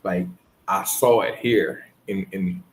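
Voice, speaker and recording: A man's voice: deep voice, fairly even intonation, takes it slowly, a little hiss or hum, poor audio. A man from the Bahamas hosting a casual chat, talking in a rambling way with lots of restarts. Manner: rambling, many restarts and fillers. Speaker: host.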